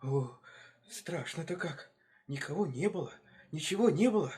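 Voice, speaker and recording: A man's voice: on the high side, animated, moderate pace, a little mellow, voice pushed up, natural voice. A man doing a stammering frightened hare.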